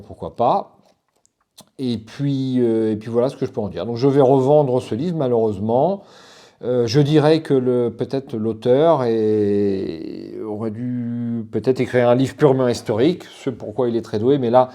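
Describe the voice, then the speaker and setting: Mellow-voiced French man reviewing a book. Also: medium pitch. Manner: hesitant, many restarts and fillers, frank. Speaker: gamebook reviewer. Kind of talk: casual spoken book review.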